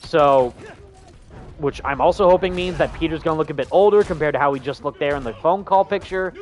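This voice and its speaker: A young man with a slightly high voice hosts a casual gaming livestream. He rambles enthusiastically and fills his talk with "like" and "uh" while he reads out viewer comments. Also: a little fast. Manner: rambling, enthusiastic, many fillers. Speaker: livestream host.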